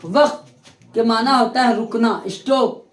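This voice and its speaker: A man's voice: extremely high pitch, a little slow. A male teacher giving a classroom grammar lesson, repeating terms and quizzing his students. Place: classroom with a board. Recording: echoey classroom.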